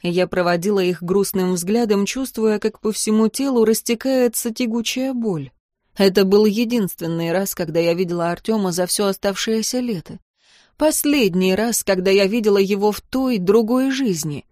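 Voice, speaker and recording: A woman narrating a novel in the first person, calm, measured and expressive. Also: medium pitch, dry recording, clean studio sound. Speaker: audiobook narrator.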